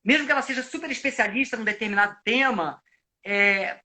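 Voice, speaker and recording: Brazilian man, actor, bright voice, reflective explaining, restarts, video call. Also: sits high, brisk. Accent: Brazilian Portuguese. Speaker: actor and acting coach. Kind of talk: live video chat, giving advice.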